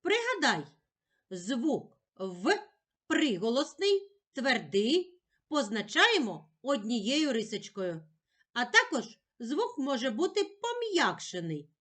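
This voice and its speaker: A woman teaching a slow lesson for young children, sounding out words patiently. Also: high-pitched, sing-song, a bit bright.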